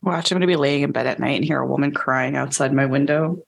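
A woman's voice: extremely low pitch, fast talker, gravelly. A woman hosting a podcast and telling the story, speaking as a chatty, wry storyteller. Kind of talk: casual chat.

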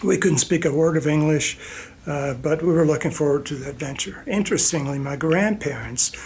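An older man from Iceland, whose first language is Icelandic, recounts his past in a loose, chatty way, full of fillers and soft chuckles. His voice sits a little high. A faint ambient hum runs behind him. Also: brisk. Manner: rambling anecdotes with fillers and chuckles. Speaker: guest, company president. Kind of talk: relaxed storytelling interview.

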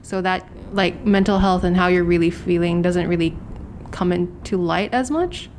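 A young woman from Hong Kong speaks as a podcast guest in a slightly low voice, telling candid stories at a quick clip with plenty of fillers. A faint rumble sits under her. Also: a little mellow. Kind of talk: casual interview chat.

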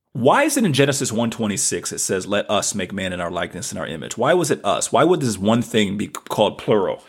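Southern male podcast host, loose spiritual monologue, rambles and repeats, searches for words mid-sentence. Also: on the low side.

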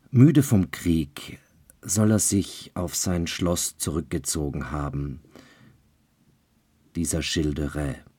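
A deep-voiced man telling a grim fairy tale at an unhurried, deliberate pace. His measured storytelling sounds close to the mic and completely dry, with no room sound. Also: mellow, husky, no echo.

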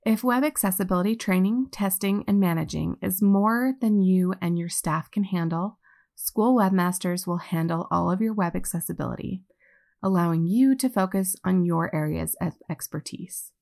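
A woman narrates from a script in a measured, informative way. Her voice sits a little low and carries a gravelly vocal fry. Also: darkish tone. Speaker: company narrator.

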